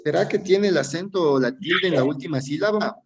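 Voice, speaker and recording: A man's voice: on the high side, brisk, lo-fi sound, a crowd in the background. A male teacher with an Ecuadorian accent leads an exam-prep class. He works through each answer step by step and keeps checking in with rhetorical questions. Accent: Ecuadorian Spanish.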